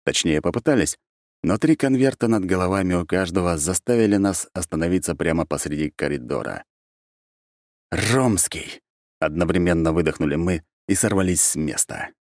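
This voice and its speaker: A man narrating an audiobook in first person with an expressive, animated reading. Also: deep voice, a little fast, no room sound, studio quality.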